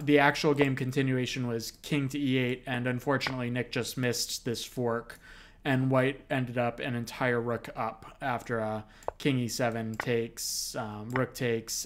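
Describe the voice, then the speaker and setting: A man co-hosting a chess roundup, explaining moves in a casual, analytical way with frequent "uh" and "um" fillers. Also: medium pitch. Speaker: chess commentator.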